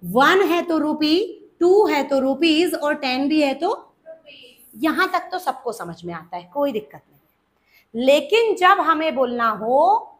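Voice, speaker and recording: In a high-pitched voice, a woman teaches an English grammar lesson. She patiently repeats points and quizzes her students, calling them child.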